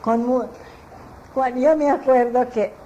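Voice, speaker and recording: An older woman with a Filipino Spanish accent recalls family stories, rambling warmly from one memory to the next and laughing at herself. Her voice is mellow and sits a little high. A faint hiss runs under it. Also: fairly even intonation, takes it slowly, muffled recording. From Philippines. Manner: chatty, meandering, often laughing at herself. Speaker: interviewee. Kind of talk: relaxed storytelling recollection.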